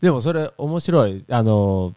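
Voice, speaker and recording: A man's voice: mid-range voice, expressive, moderate pace, warm tone, clear, resonant tone, dry recording. A man whose first language is Japanese, speaking Spanish with a Japanese accent, co-hosting a casual podcast with short questions and replies. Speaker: podcast co-host. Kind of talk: casual bilingual chat.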